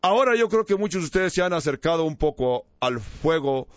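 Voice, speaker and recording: A man preaching a sermon and telling a story, in an earnest, inviting manner with pauses. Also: fairly high pitch, expressive, no room sound. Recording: dull lo-fi dry recording.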